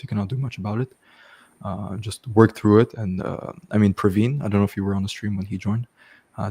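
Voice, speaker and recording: A French-speaking man with a deep, warm voice carrying a creaky, breathy edge hosts a casual live Q&A, coaching on online business and giving laid-back advice. He keeps saying "okay" and "bro" and often restarts his sentences.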